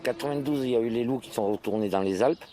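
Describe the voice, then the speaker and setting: A man who farms sheep giving spontaneous interview testimony, halting and repeating his phrases. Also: mid-range voice, mellow. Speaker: sheep farmer. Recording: noisy outdoor location recording. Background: bleating sheep and outdoor ambience.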